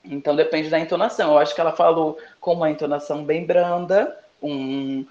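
A man's voice: fairly high pitch, steady tone, fairly quick, darkish tone. Campy drag queen in a roomy room. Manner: campy, playful, uses drag slang. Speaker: drag queen guest, competition winner. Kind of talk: casual interview chat. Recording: roomy, dull lo-fi sound.

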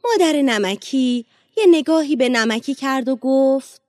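A woman narrating a children's storybook in a lively, expressive read-aloud manner. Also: high-pitched, dry recording, clean studio sound.

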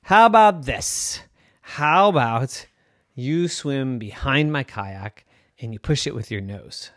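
A man voicing a scared, confused little girl in a bedtime story, with a high, squeaky, flustered voice. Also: animated, slow pace, fairly bright tone, dry recording, clean studio sound.

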